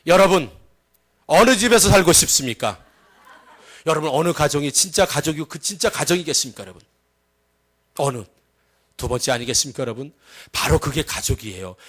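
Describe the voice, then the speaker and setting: High-voiced Korean pastor preaching. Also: male voice, animated, a little fast, long pauses. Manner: swings between loud emphatic lines and low quiet asides; acts out story voices with a raised pitch. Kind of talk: sermon.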